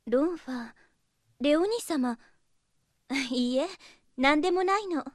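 An actress playing a gentle, troubled younger sister and priestess in an audio drama, speaking in a refined, hesitant, courteous way. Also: female voice, sits high, expressive, slow pace, dry recording, clean studio sound. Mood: troubled, apologetic. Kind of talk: Japanese audio drama acting.

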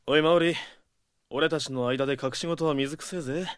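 An actor playing a rough, brash but caring young man in an audio drama, with blunt, slangy speech. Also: fairly high pitch, fairly even intonation, brisk, dry recording, studio quality, natural voice. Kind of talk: Japanese audio drama acting.

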